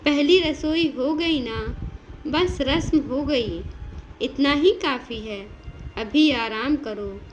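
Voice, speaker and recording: A woman's voice: high-pitched, slow pace, lo-fi sound, soft background music. A woman voicing a kind, doting older mother-in-law who speaks affectionately and coaxingly in a storybook tale.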